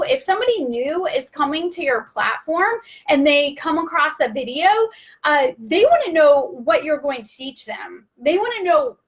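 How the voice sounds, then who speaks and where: Lady running a live video class, high voice, rattles along super quick and chatty. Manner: rapid, chatty, talks like an auctioneer. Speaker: social media video trainer. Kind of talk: casual live-stream teaching.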